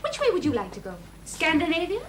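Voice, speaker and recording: An actress playing a spy's lively, caring grown daughter in a television drama, a young woman with a light, girlish way of talking. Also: very high-pitched, fast talker, a crowd in the background, full character voice. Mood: bright, playful. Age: young adult. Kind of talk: television spy drama acting. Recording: vintage TV soundtrack, faint noise.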